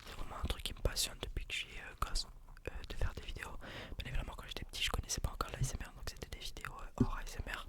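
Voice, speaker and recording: A young man doing casual ASMR chat in a quiet, breathy night-time whisper, rambling informally and hesitantly. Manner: quiet, unhurried late-night murmur. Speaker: ASMR video creator and streamer.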